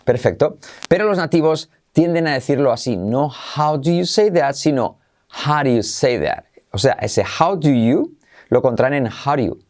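A man teaching English pronunciation in an online lesson, energetic and repeating phrases slowly for learners to copy. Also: a little high.

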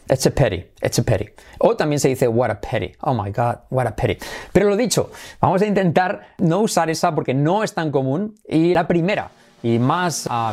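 A man from Spain with a Spanish accent, hosting a casual English lesson and repeating English phrases slowly to model their pronunciation. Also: mid-range voice, a little mellow. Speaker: English teacher and channel host.

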